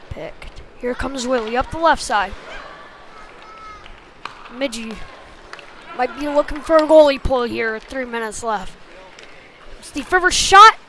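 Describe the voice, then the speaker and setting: Short, clipped and colloquial, a woman's live commentary follows a youth ice hockey game at a sports venue. She has a high-pitched, pushed, bright voice. The amateur livestream picks up faint noise in the background.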